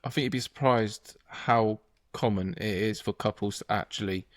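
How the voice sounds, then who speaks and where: A man's voice: on the low side, moderate pace, no echo, studio quality. A man with a British accent, co-hosting a podcast, chatting casually and self-deprecatingly, laughing often. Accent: British English. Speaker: podcast co-host, wedding photographer.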